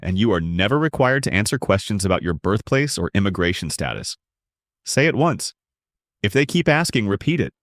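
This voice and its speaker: Man with a low, lively narrating voice. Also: brisk, dry recording, clean studio sound. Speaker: legal explainer narrator. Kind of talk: scripted narration.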